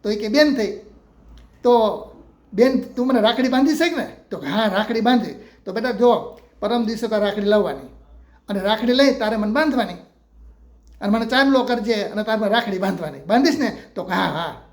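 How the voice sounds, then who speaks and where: A man's voice: high voice, a little fast. An older man from Gujarat with a Gujarati accent, a retired teacher telling a true story from his classroom in a homely, affectionate way, acting out the children's lines. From Gujarat, India. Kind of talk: storytelling monologue.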